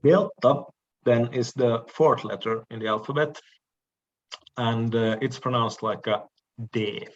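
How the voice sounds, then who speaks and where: Slow, measured male lecturer. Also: medium pitch, lo-fi sound. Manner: measured, frequent "uh" pauses, occasional throat clearing. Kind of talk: recorded lecture on the alphabet.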